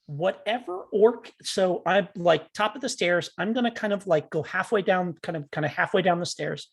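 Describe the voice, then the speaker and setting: A man's voice: high voice, normal speed, creaky, slightly rough. A man playing in a tabletop game, rambling and correcting himself as he explains his moves. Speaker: player. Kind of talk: casual tabletop play.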